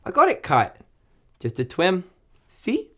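A young actor playing a cheeky son in a comedy series, coy and evasive with the parents. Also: male voice, high voice, huge pitch swings, slow pace, bright, forceful tone, heavily acted. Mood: coy, placating. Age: young adult. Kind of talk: scripted comedy series acting.

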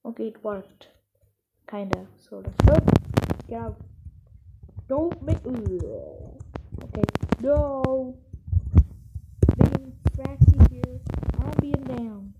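A woman giving excitable, rambling let's-play commentary during a co-op game, playfully trash-talking her partner. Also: high-pitched, slow, pauses often, narrow, tinny audio, very noisy. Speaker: gamer playing co-op.

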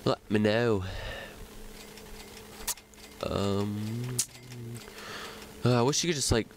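A man's voice: on the low side, very slow, noisy background. A man talking over a video game he is playing, rambling along with lots of fillers, his nose a little stuffy. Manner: rambling, self-chatting, many fillers. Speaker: gaming commentator. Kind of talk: let's play commentary.

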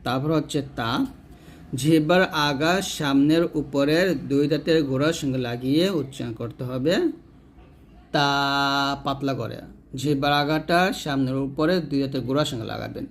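A man teaching Arabic letter pronunciation to adult learners, slowly and patiently, repeating each sound and asking questions he answers himself. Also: medium pitch, steady tone, a little hiss or hum. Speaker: Quran teacher. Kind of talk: step-by-step pronunciation lesson.

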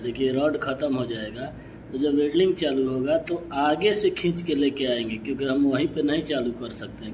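Over footage of his work, a welding channel host describes each step of a pipe weld, often saying "dekhiye" and calling his audience "doston," meaning friends. He speaks at a medium pitch against background noise.

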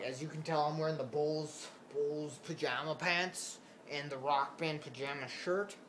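A man's voice: fairly high pitch, fairly bright tone, slight background noise. A man vlogging casually at home to his camera, tired and easily sidetracked, rambling with many fillers.

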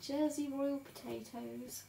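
A chatty woman in her thirties with a high, bright-sounding voice talks easily to her stream while she colours, laughing often and greeting viewers by name. Her voice carries a roomy echo from the home room around her, with a faint hiss of noise underneath. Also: steady tone, slow pace, gravelly. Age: 30s. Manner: chatty and giggly, reading out viewers' names. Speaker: livestream host colouring on camera. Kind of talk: casual chat while colouring.

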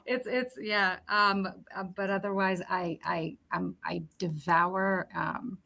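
A woman in her forties, from Romania, answering interview questions over a video call in a measured, thoughtful way with frequent ums. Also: mid-range voice, steady tone, creaky, sharp tone. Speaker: guest, talent executive. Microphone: webcam on a video call.

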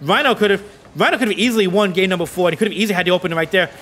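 A man casting esports play-by-play, calling the action in rapid, excitable bursts and sounding out of breath. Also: sits high, slight background noise. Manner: rapid excitable calls, rising to yells on goals. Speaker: play-by-play caster.

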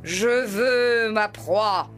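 A fierce male tiger from a storybook, put on by a woman narrator. He speaks slowly and roars his threats, full of menace. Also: mid-range voice, over music. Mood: menacing. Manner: slow, roaring threats.

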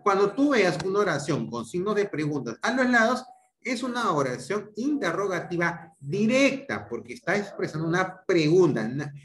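A man's voice: on the high side, a bit bright. A man with a Peruvian Spanish accent teaching a grammar class over a video call, explaining step by step and checking in with his students often. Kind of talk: online grammar lecture. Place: home room on a video call. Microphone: computer mic on a video call. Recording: echoey room.

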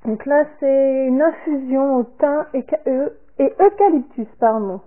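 Woman vlogger, casual unboxing talk to camera, halting, thin phone-line sound. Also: high-pitched. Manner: slow and halting, repeats "comme ceci" and "voilà", trails off softly. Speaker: vlogger showing a product order.

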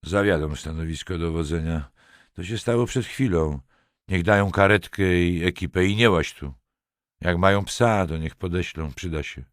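A man's voice: sits low, normal speed, dry recording, clean studio sound, close to an everyday voice. A man voicing an overweight police sergeant giving terse orders. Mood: ordering.

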